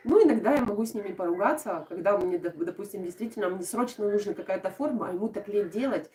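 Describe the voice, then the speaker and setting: A fast-talking woman from Odesa, her mid-range voice full of lively intonation, chats on a craft live stream and replies to viewer comments. Her Russian has a southern Ukrainian accent with softened g sounds and "sho." She's warm and chatty, with frequent laughs and fillers, recorded roomily from a distant mic.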